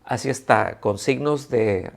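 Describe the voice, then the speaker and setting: A man, speaking at a middle pitch, delivers a sermon at a church service. He keeps asking his congregation questions and slips into grumbling voices to mimic complainers. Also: measured pace, gravelly. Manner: asks the congregation many rhetorical questions. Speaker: pastor. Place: church service streamed on video call.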